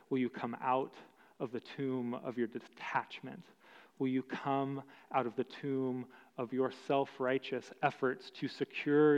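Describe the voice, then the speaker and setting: Male pastor, measured emphatic sermon delivery, muffled recording in a large reverberant room. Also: medium pitch, darkish tone. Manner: slow, emphatic preaching with long pauses. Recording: dull sound with long hall reverb.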